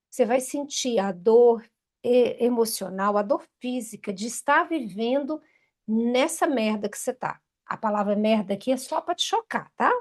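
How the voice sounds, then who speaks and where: A Brazilian woman with a Brazilian Portuguese accent, a trainer leading a live online group session, talking straight to her audience in an animated, emphatic way. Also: a little high. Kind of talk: live online workshop, guiding an exercise.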